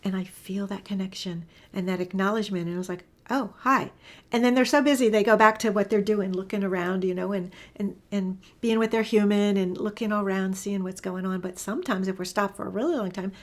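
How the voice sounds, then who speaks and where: A woman teaching a gentle spoken lesson, soft-spoken and often dropping into whispers, enthusiastic with light laughs. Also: mid-range voice. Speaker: animal communication teacher.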